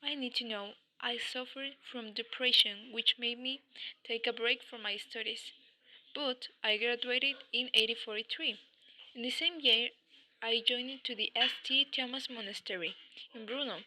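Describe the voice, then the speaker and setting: A woman's voice: on the high side, steady tone, moderate pace, bright, forceful tone, low-quality recording. A woman giving a read-aloud school report in the first person as a historical scientist, stumbling and correcting herself as she goes. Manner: reads from a script with stumbles and self-corrections. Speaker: student presenter speaking as a historical scientist.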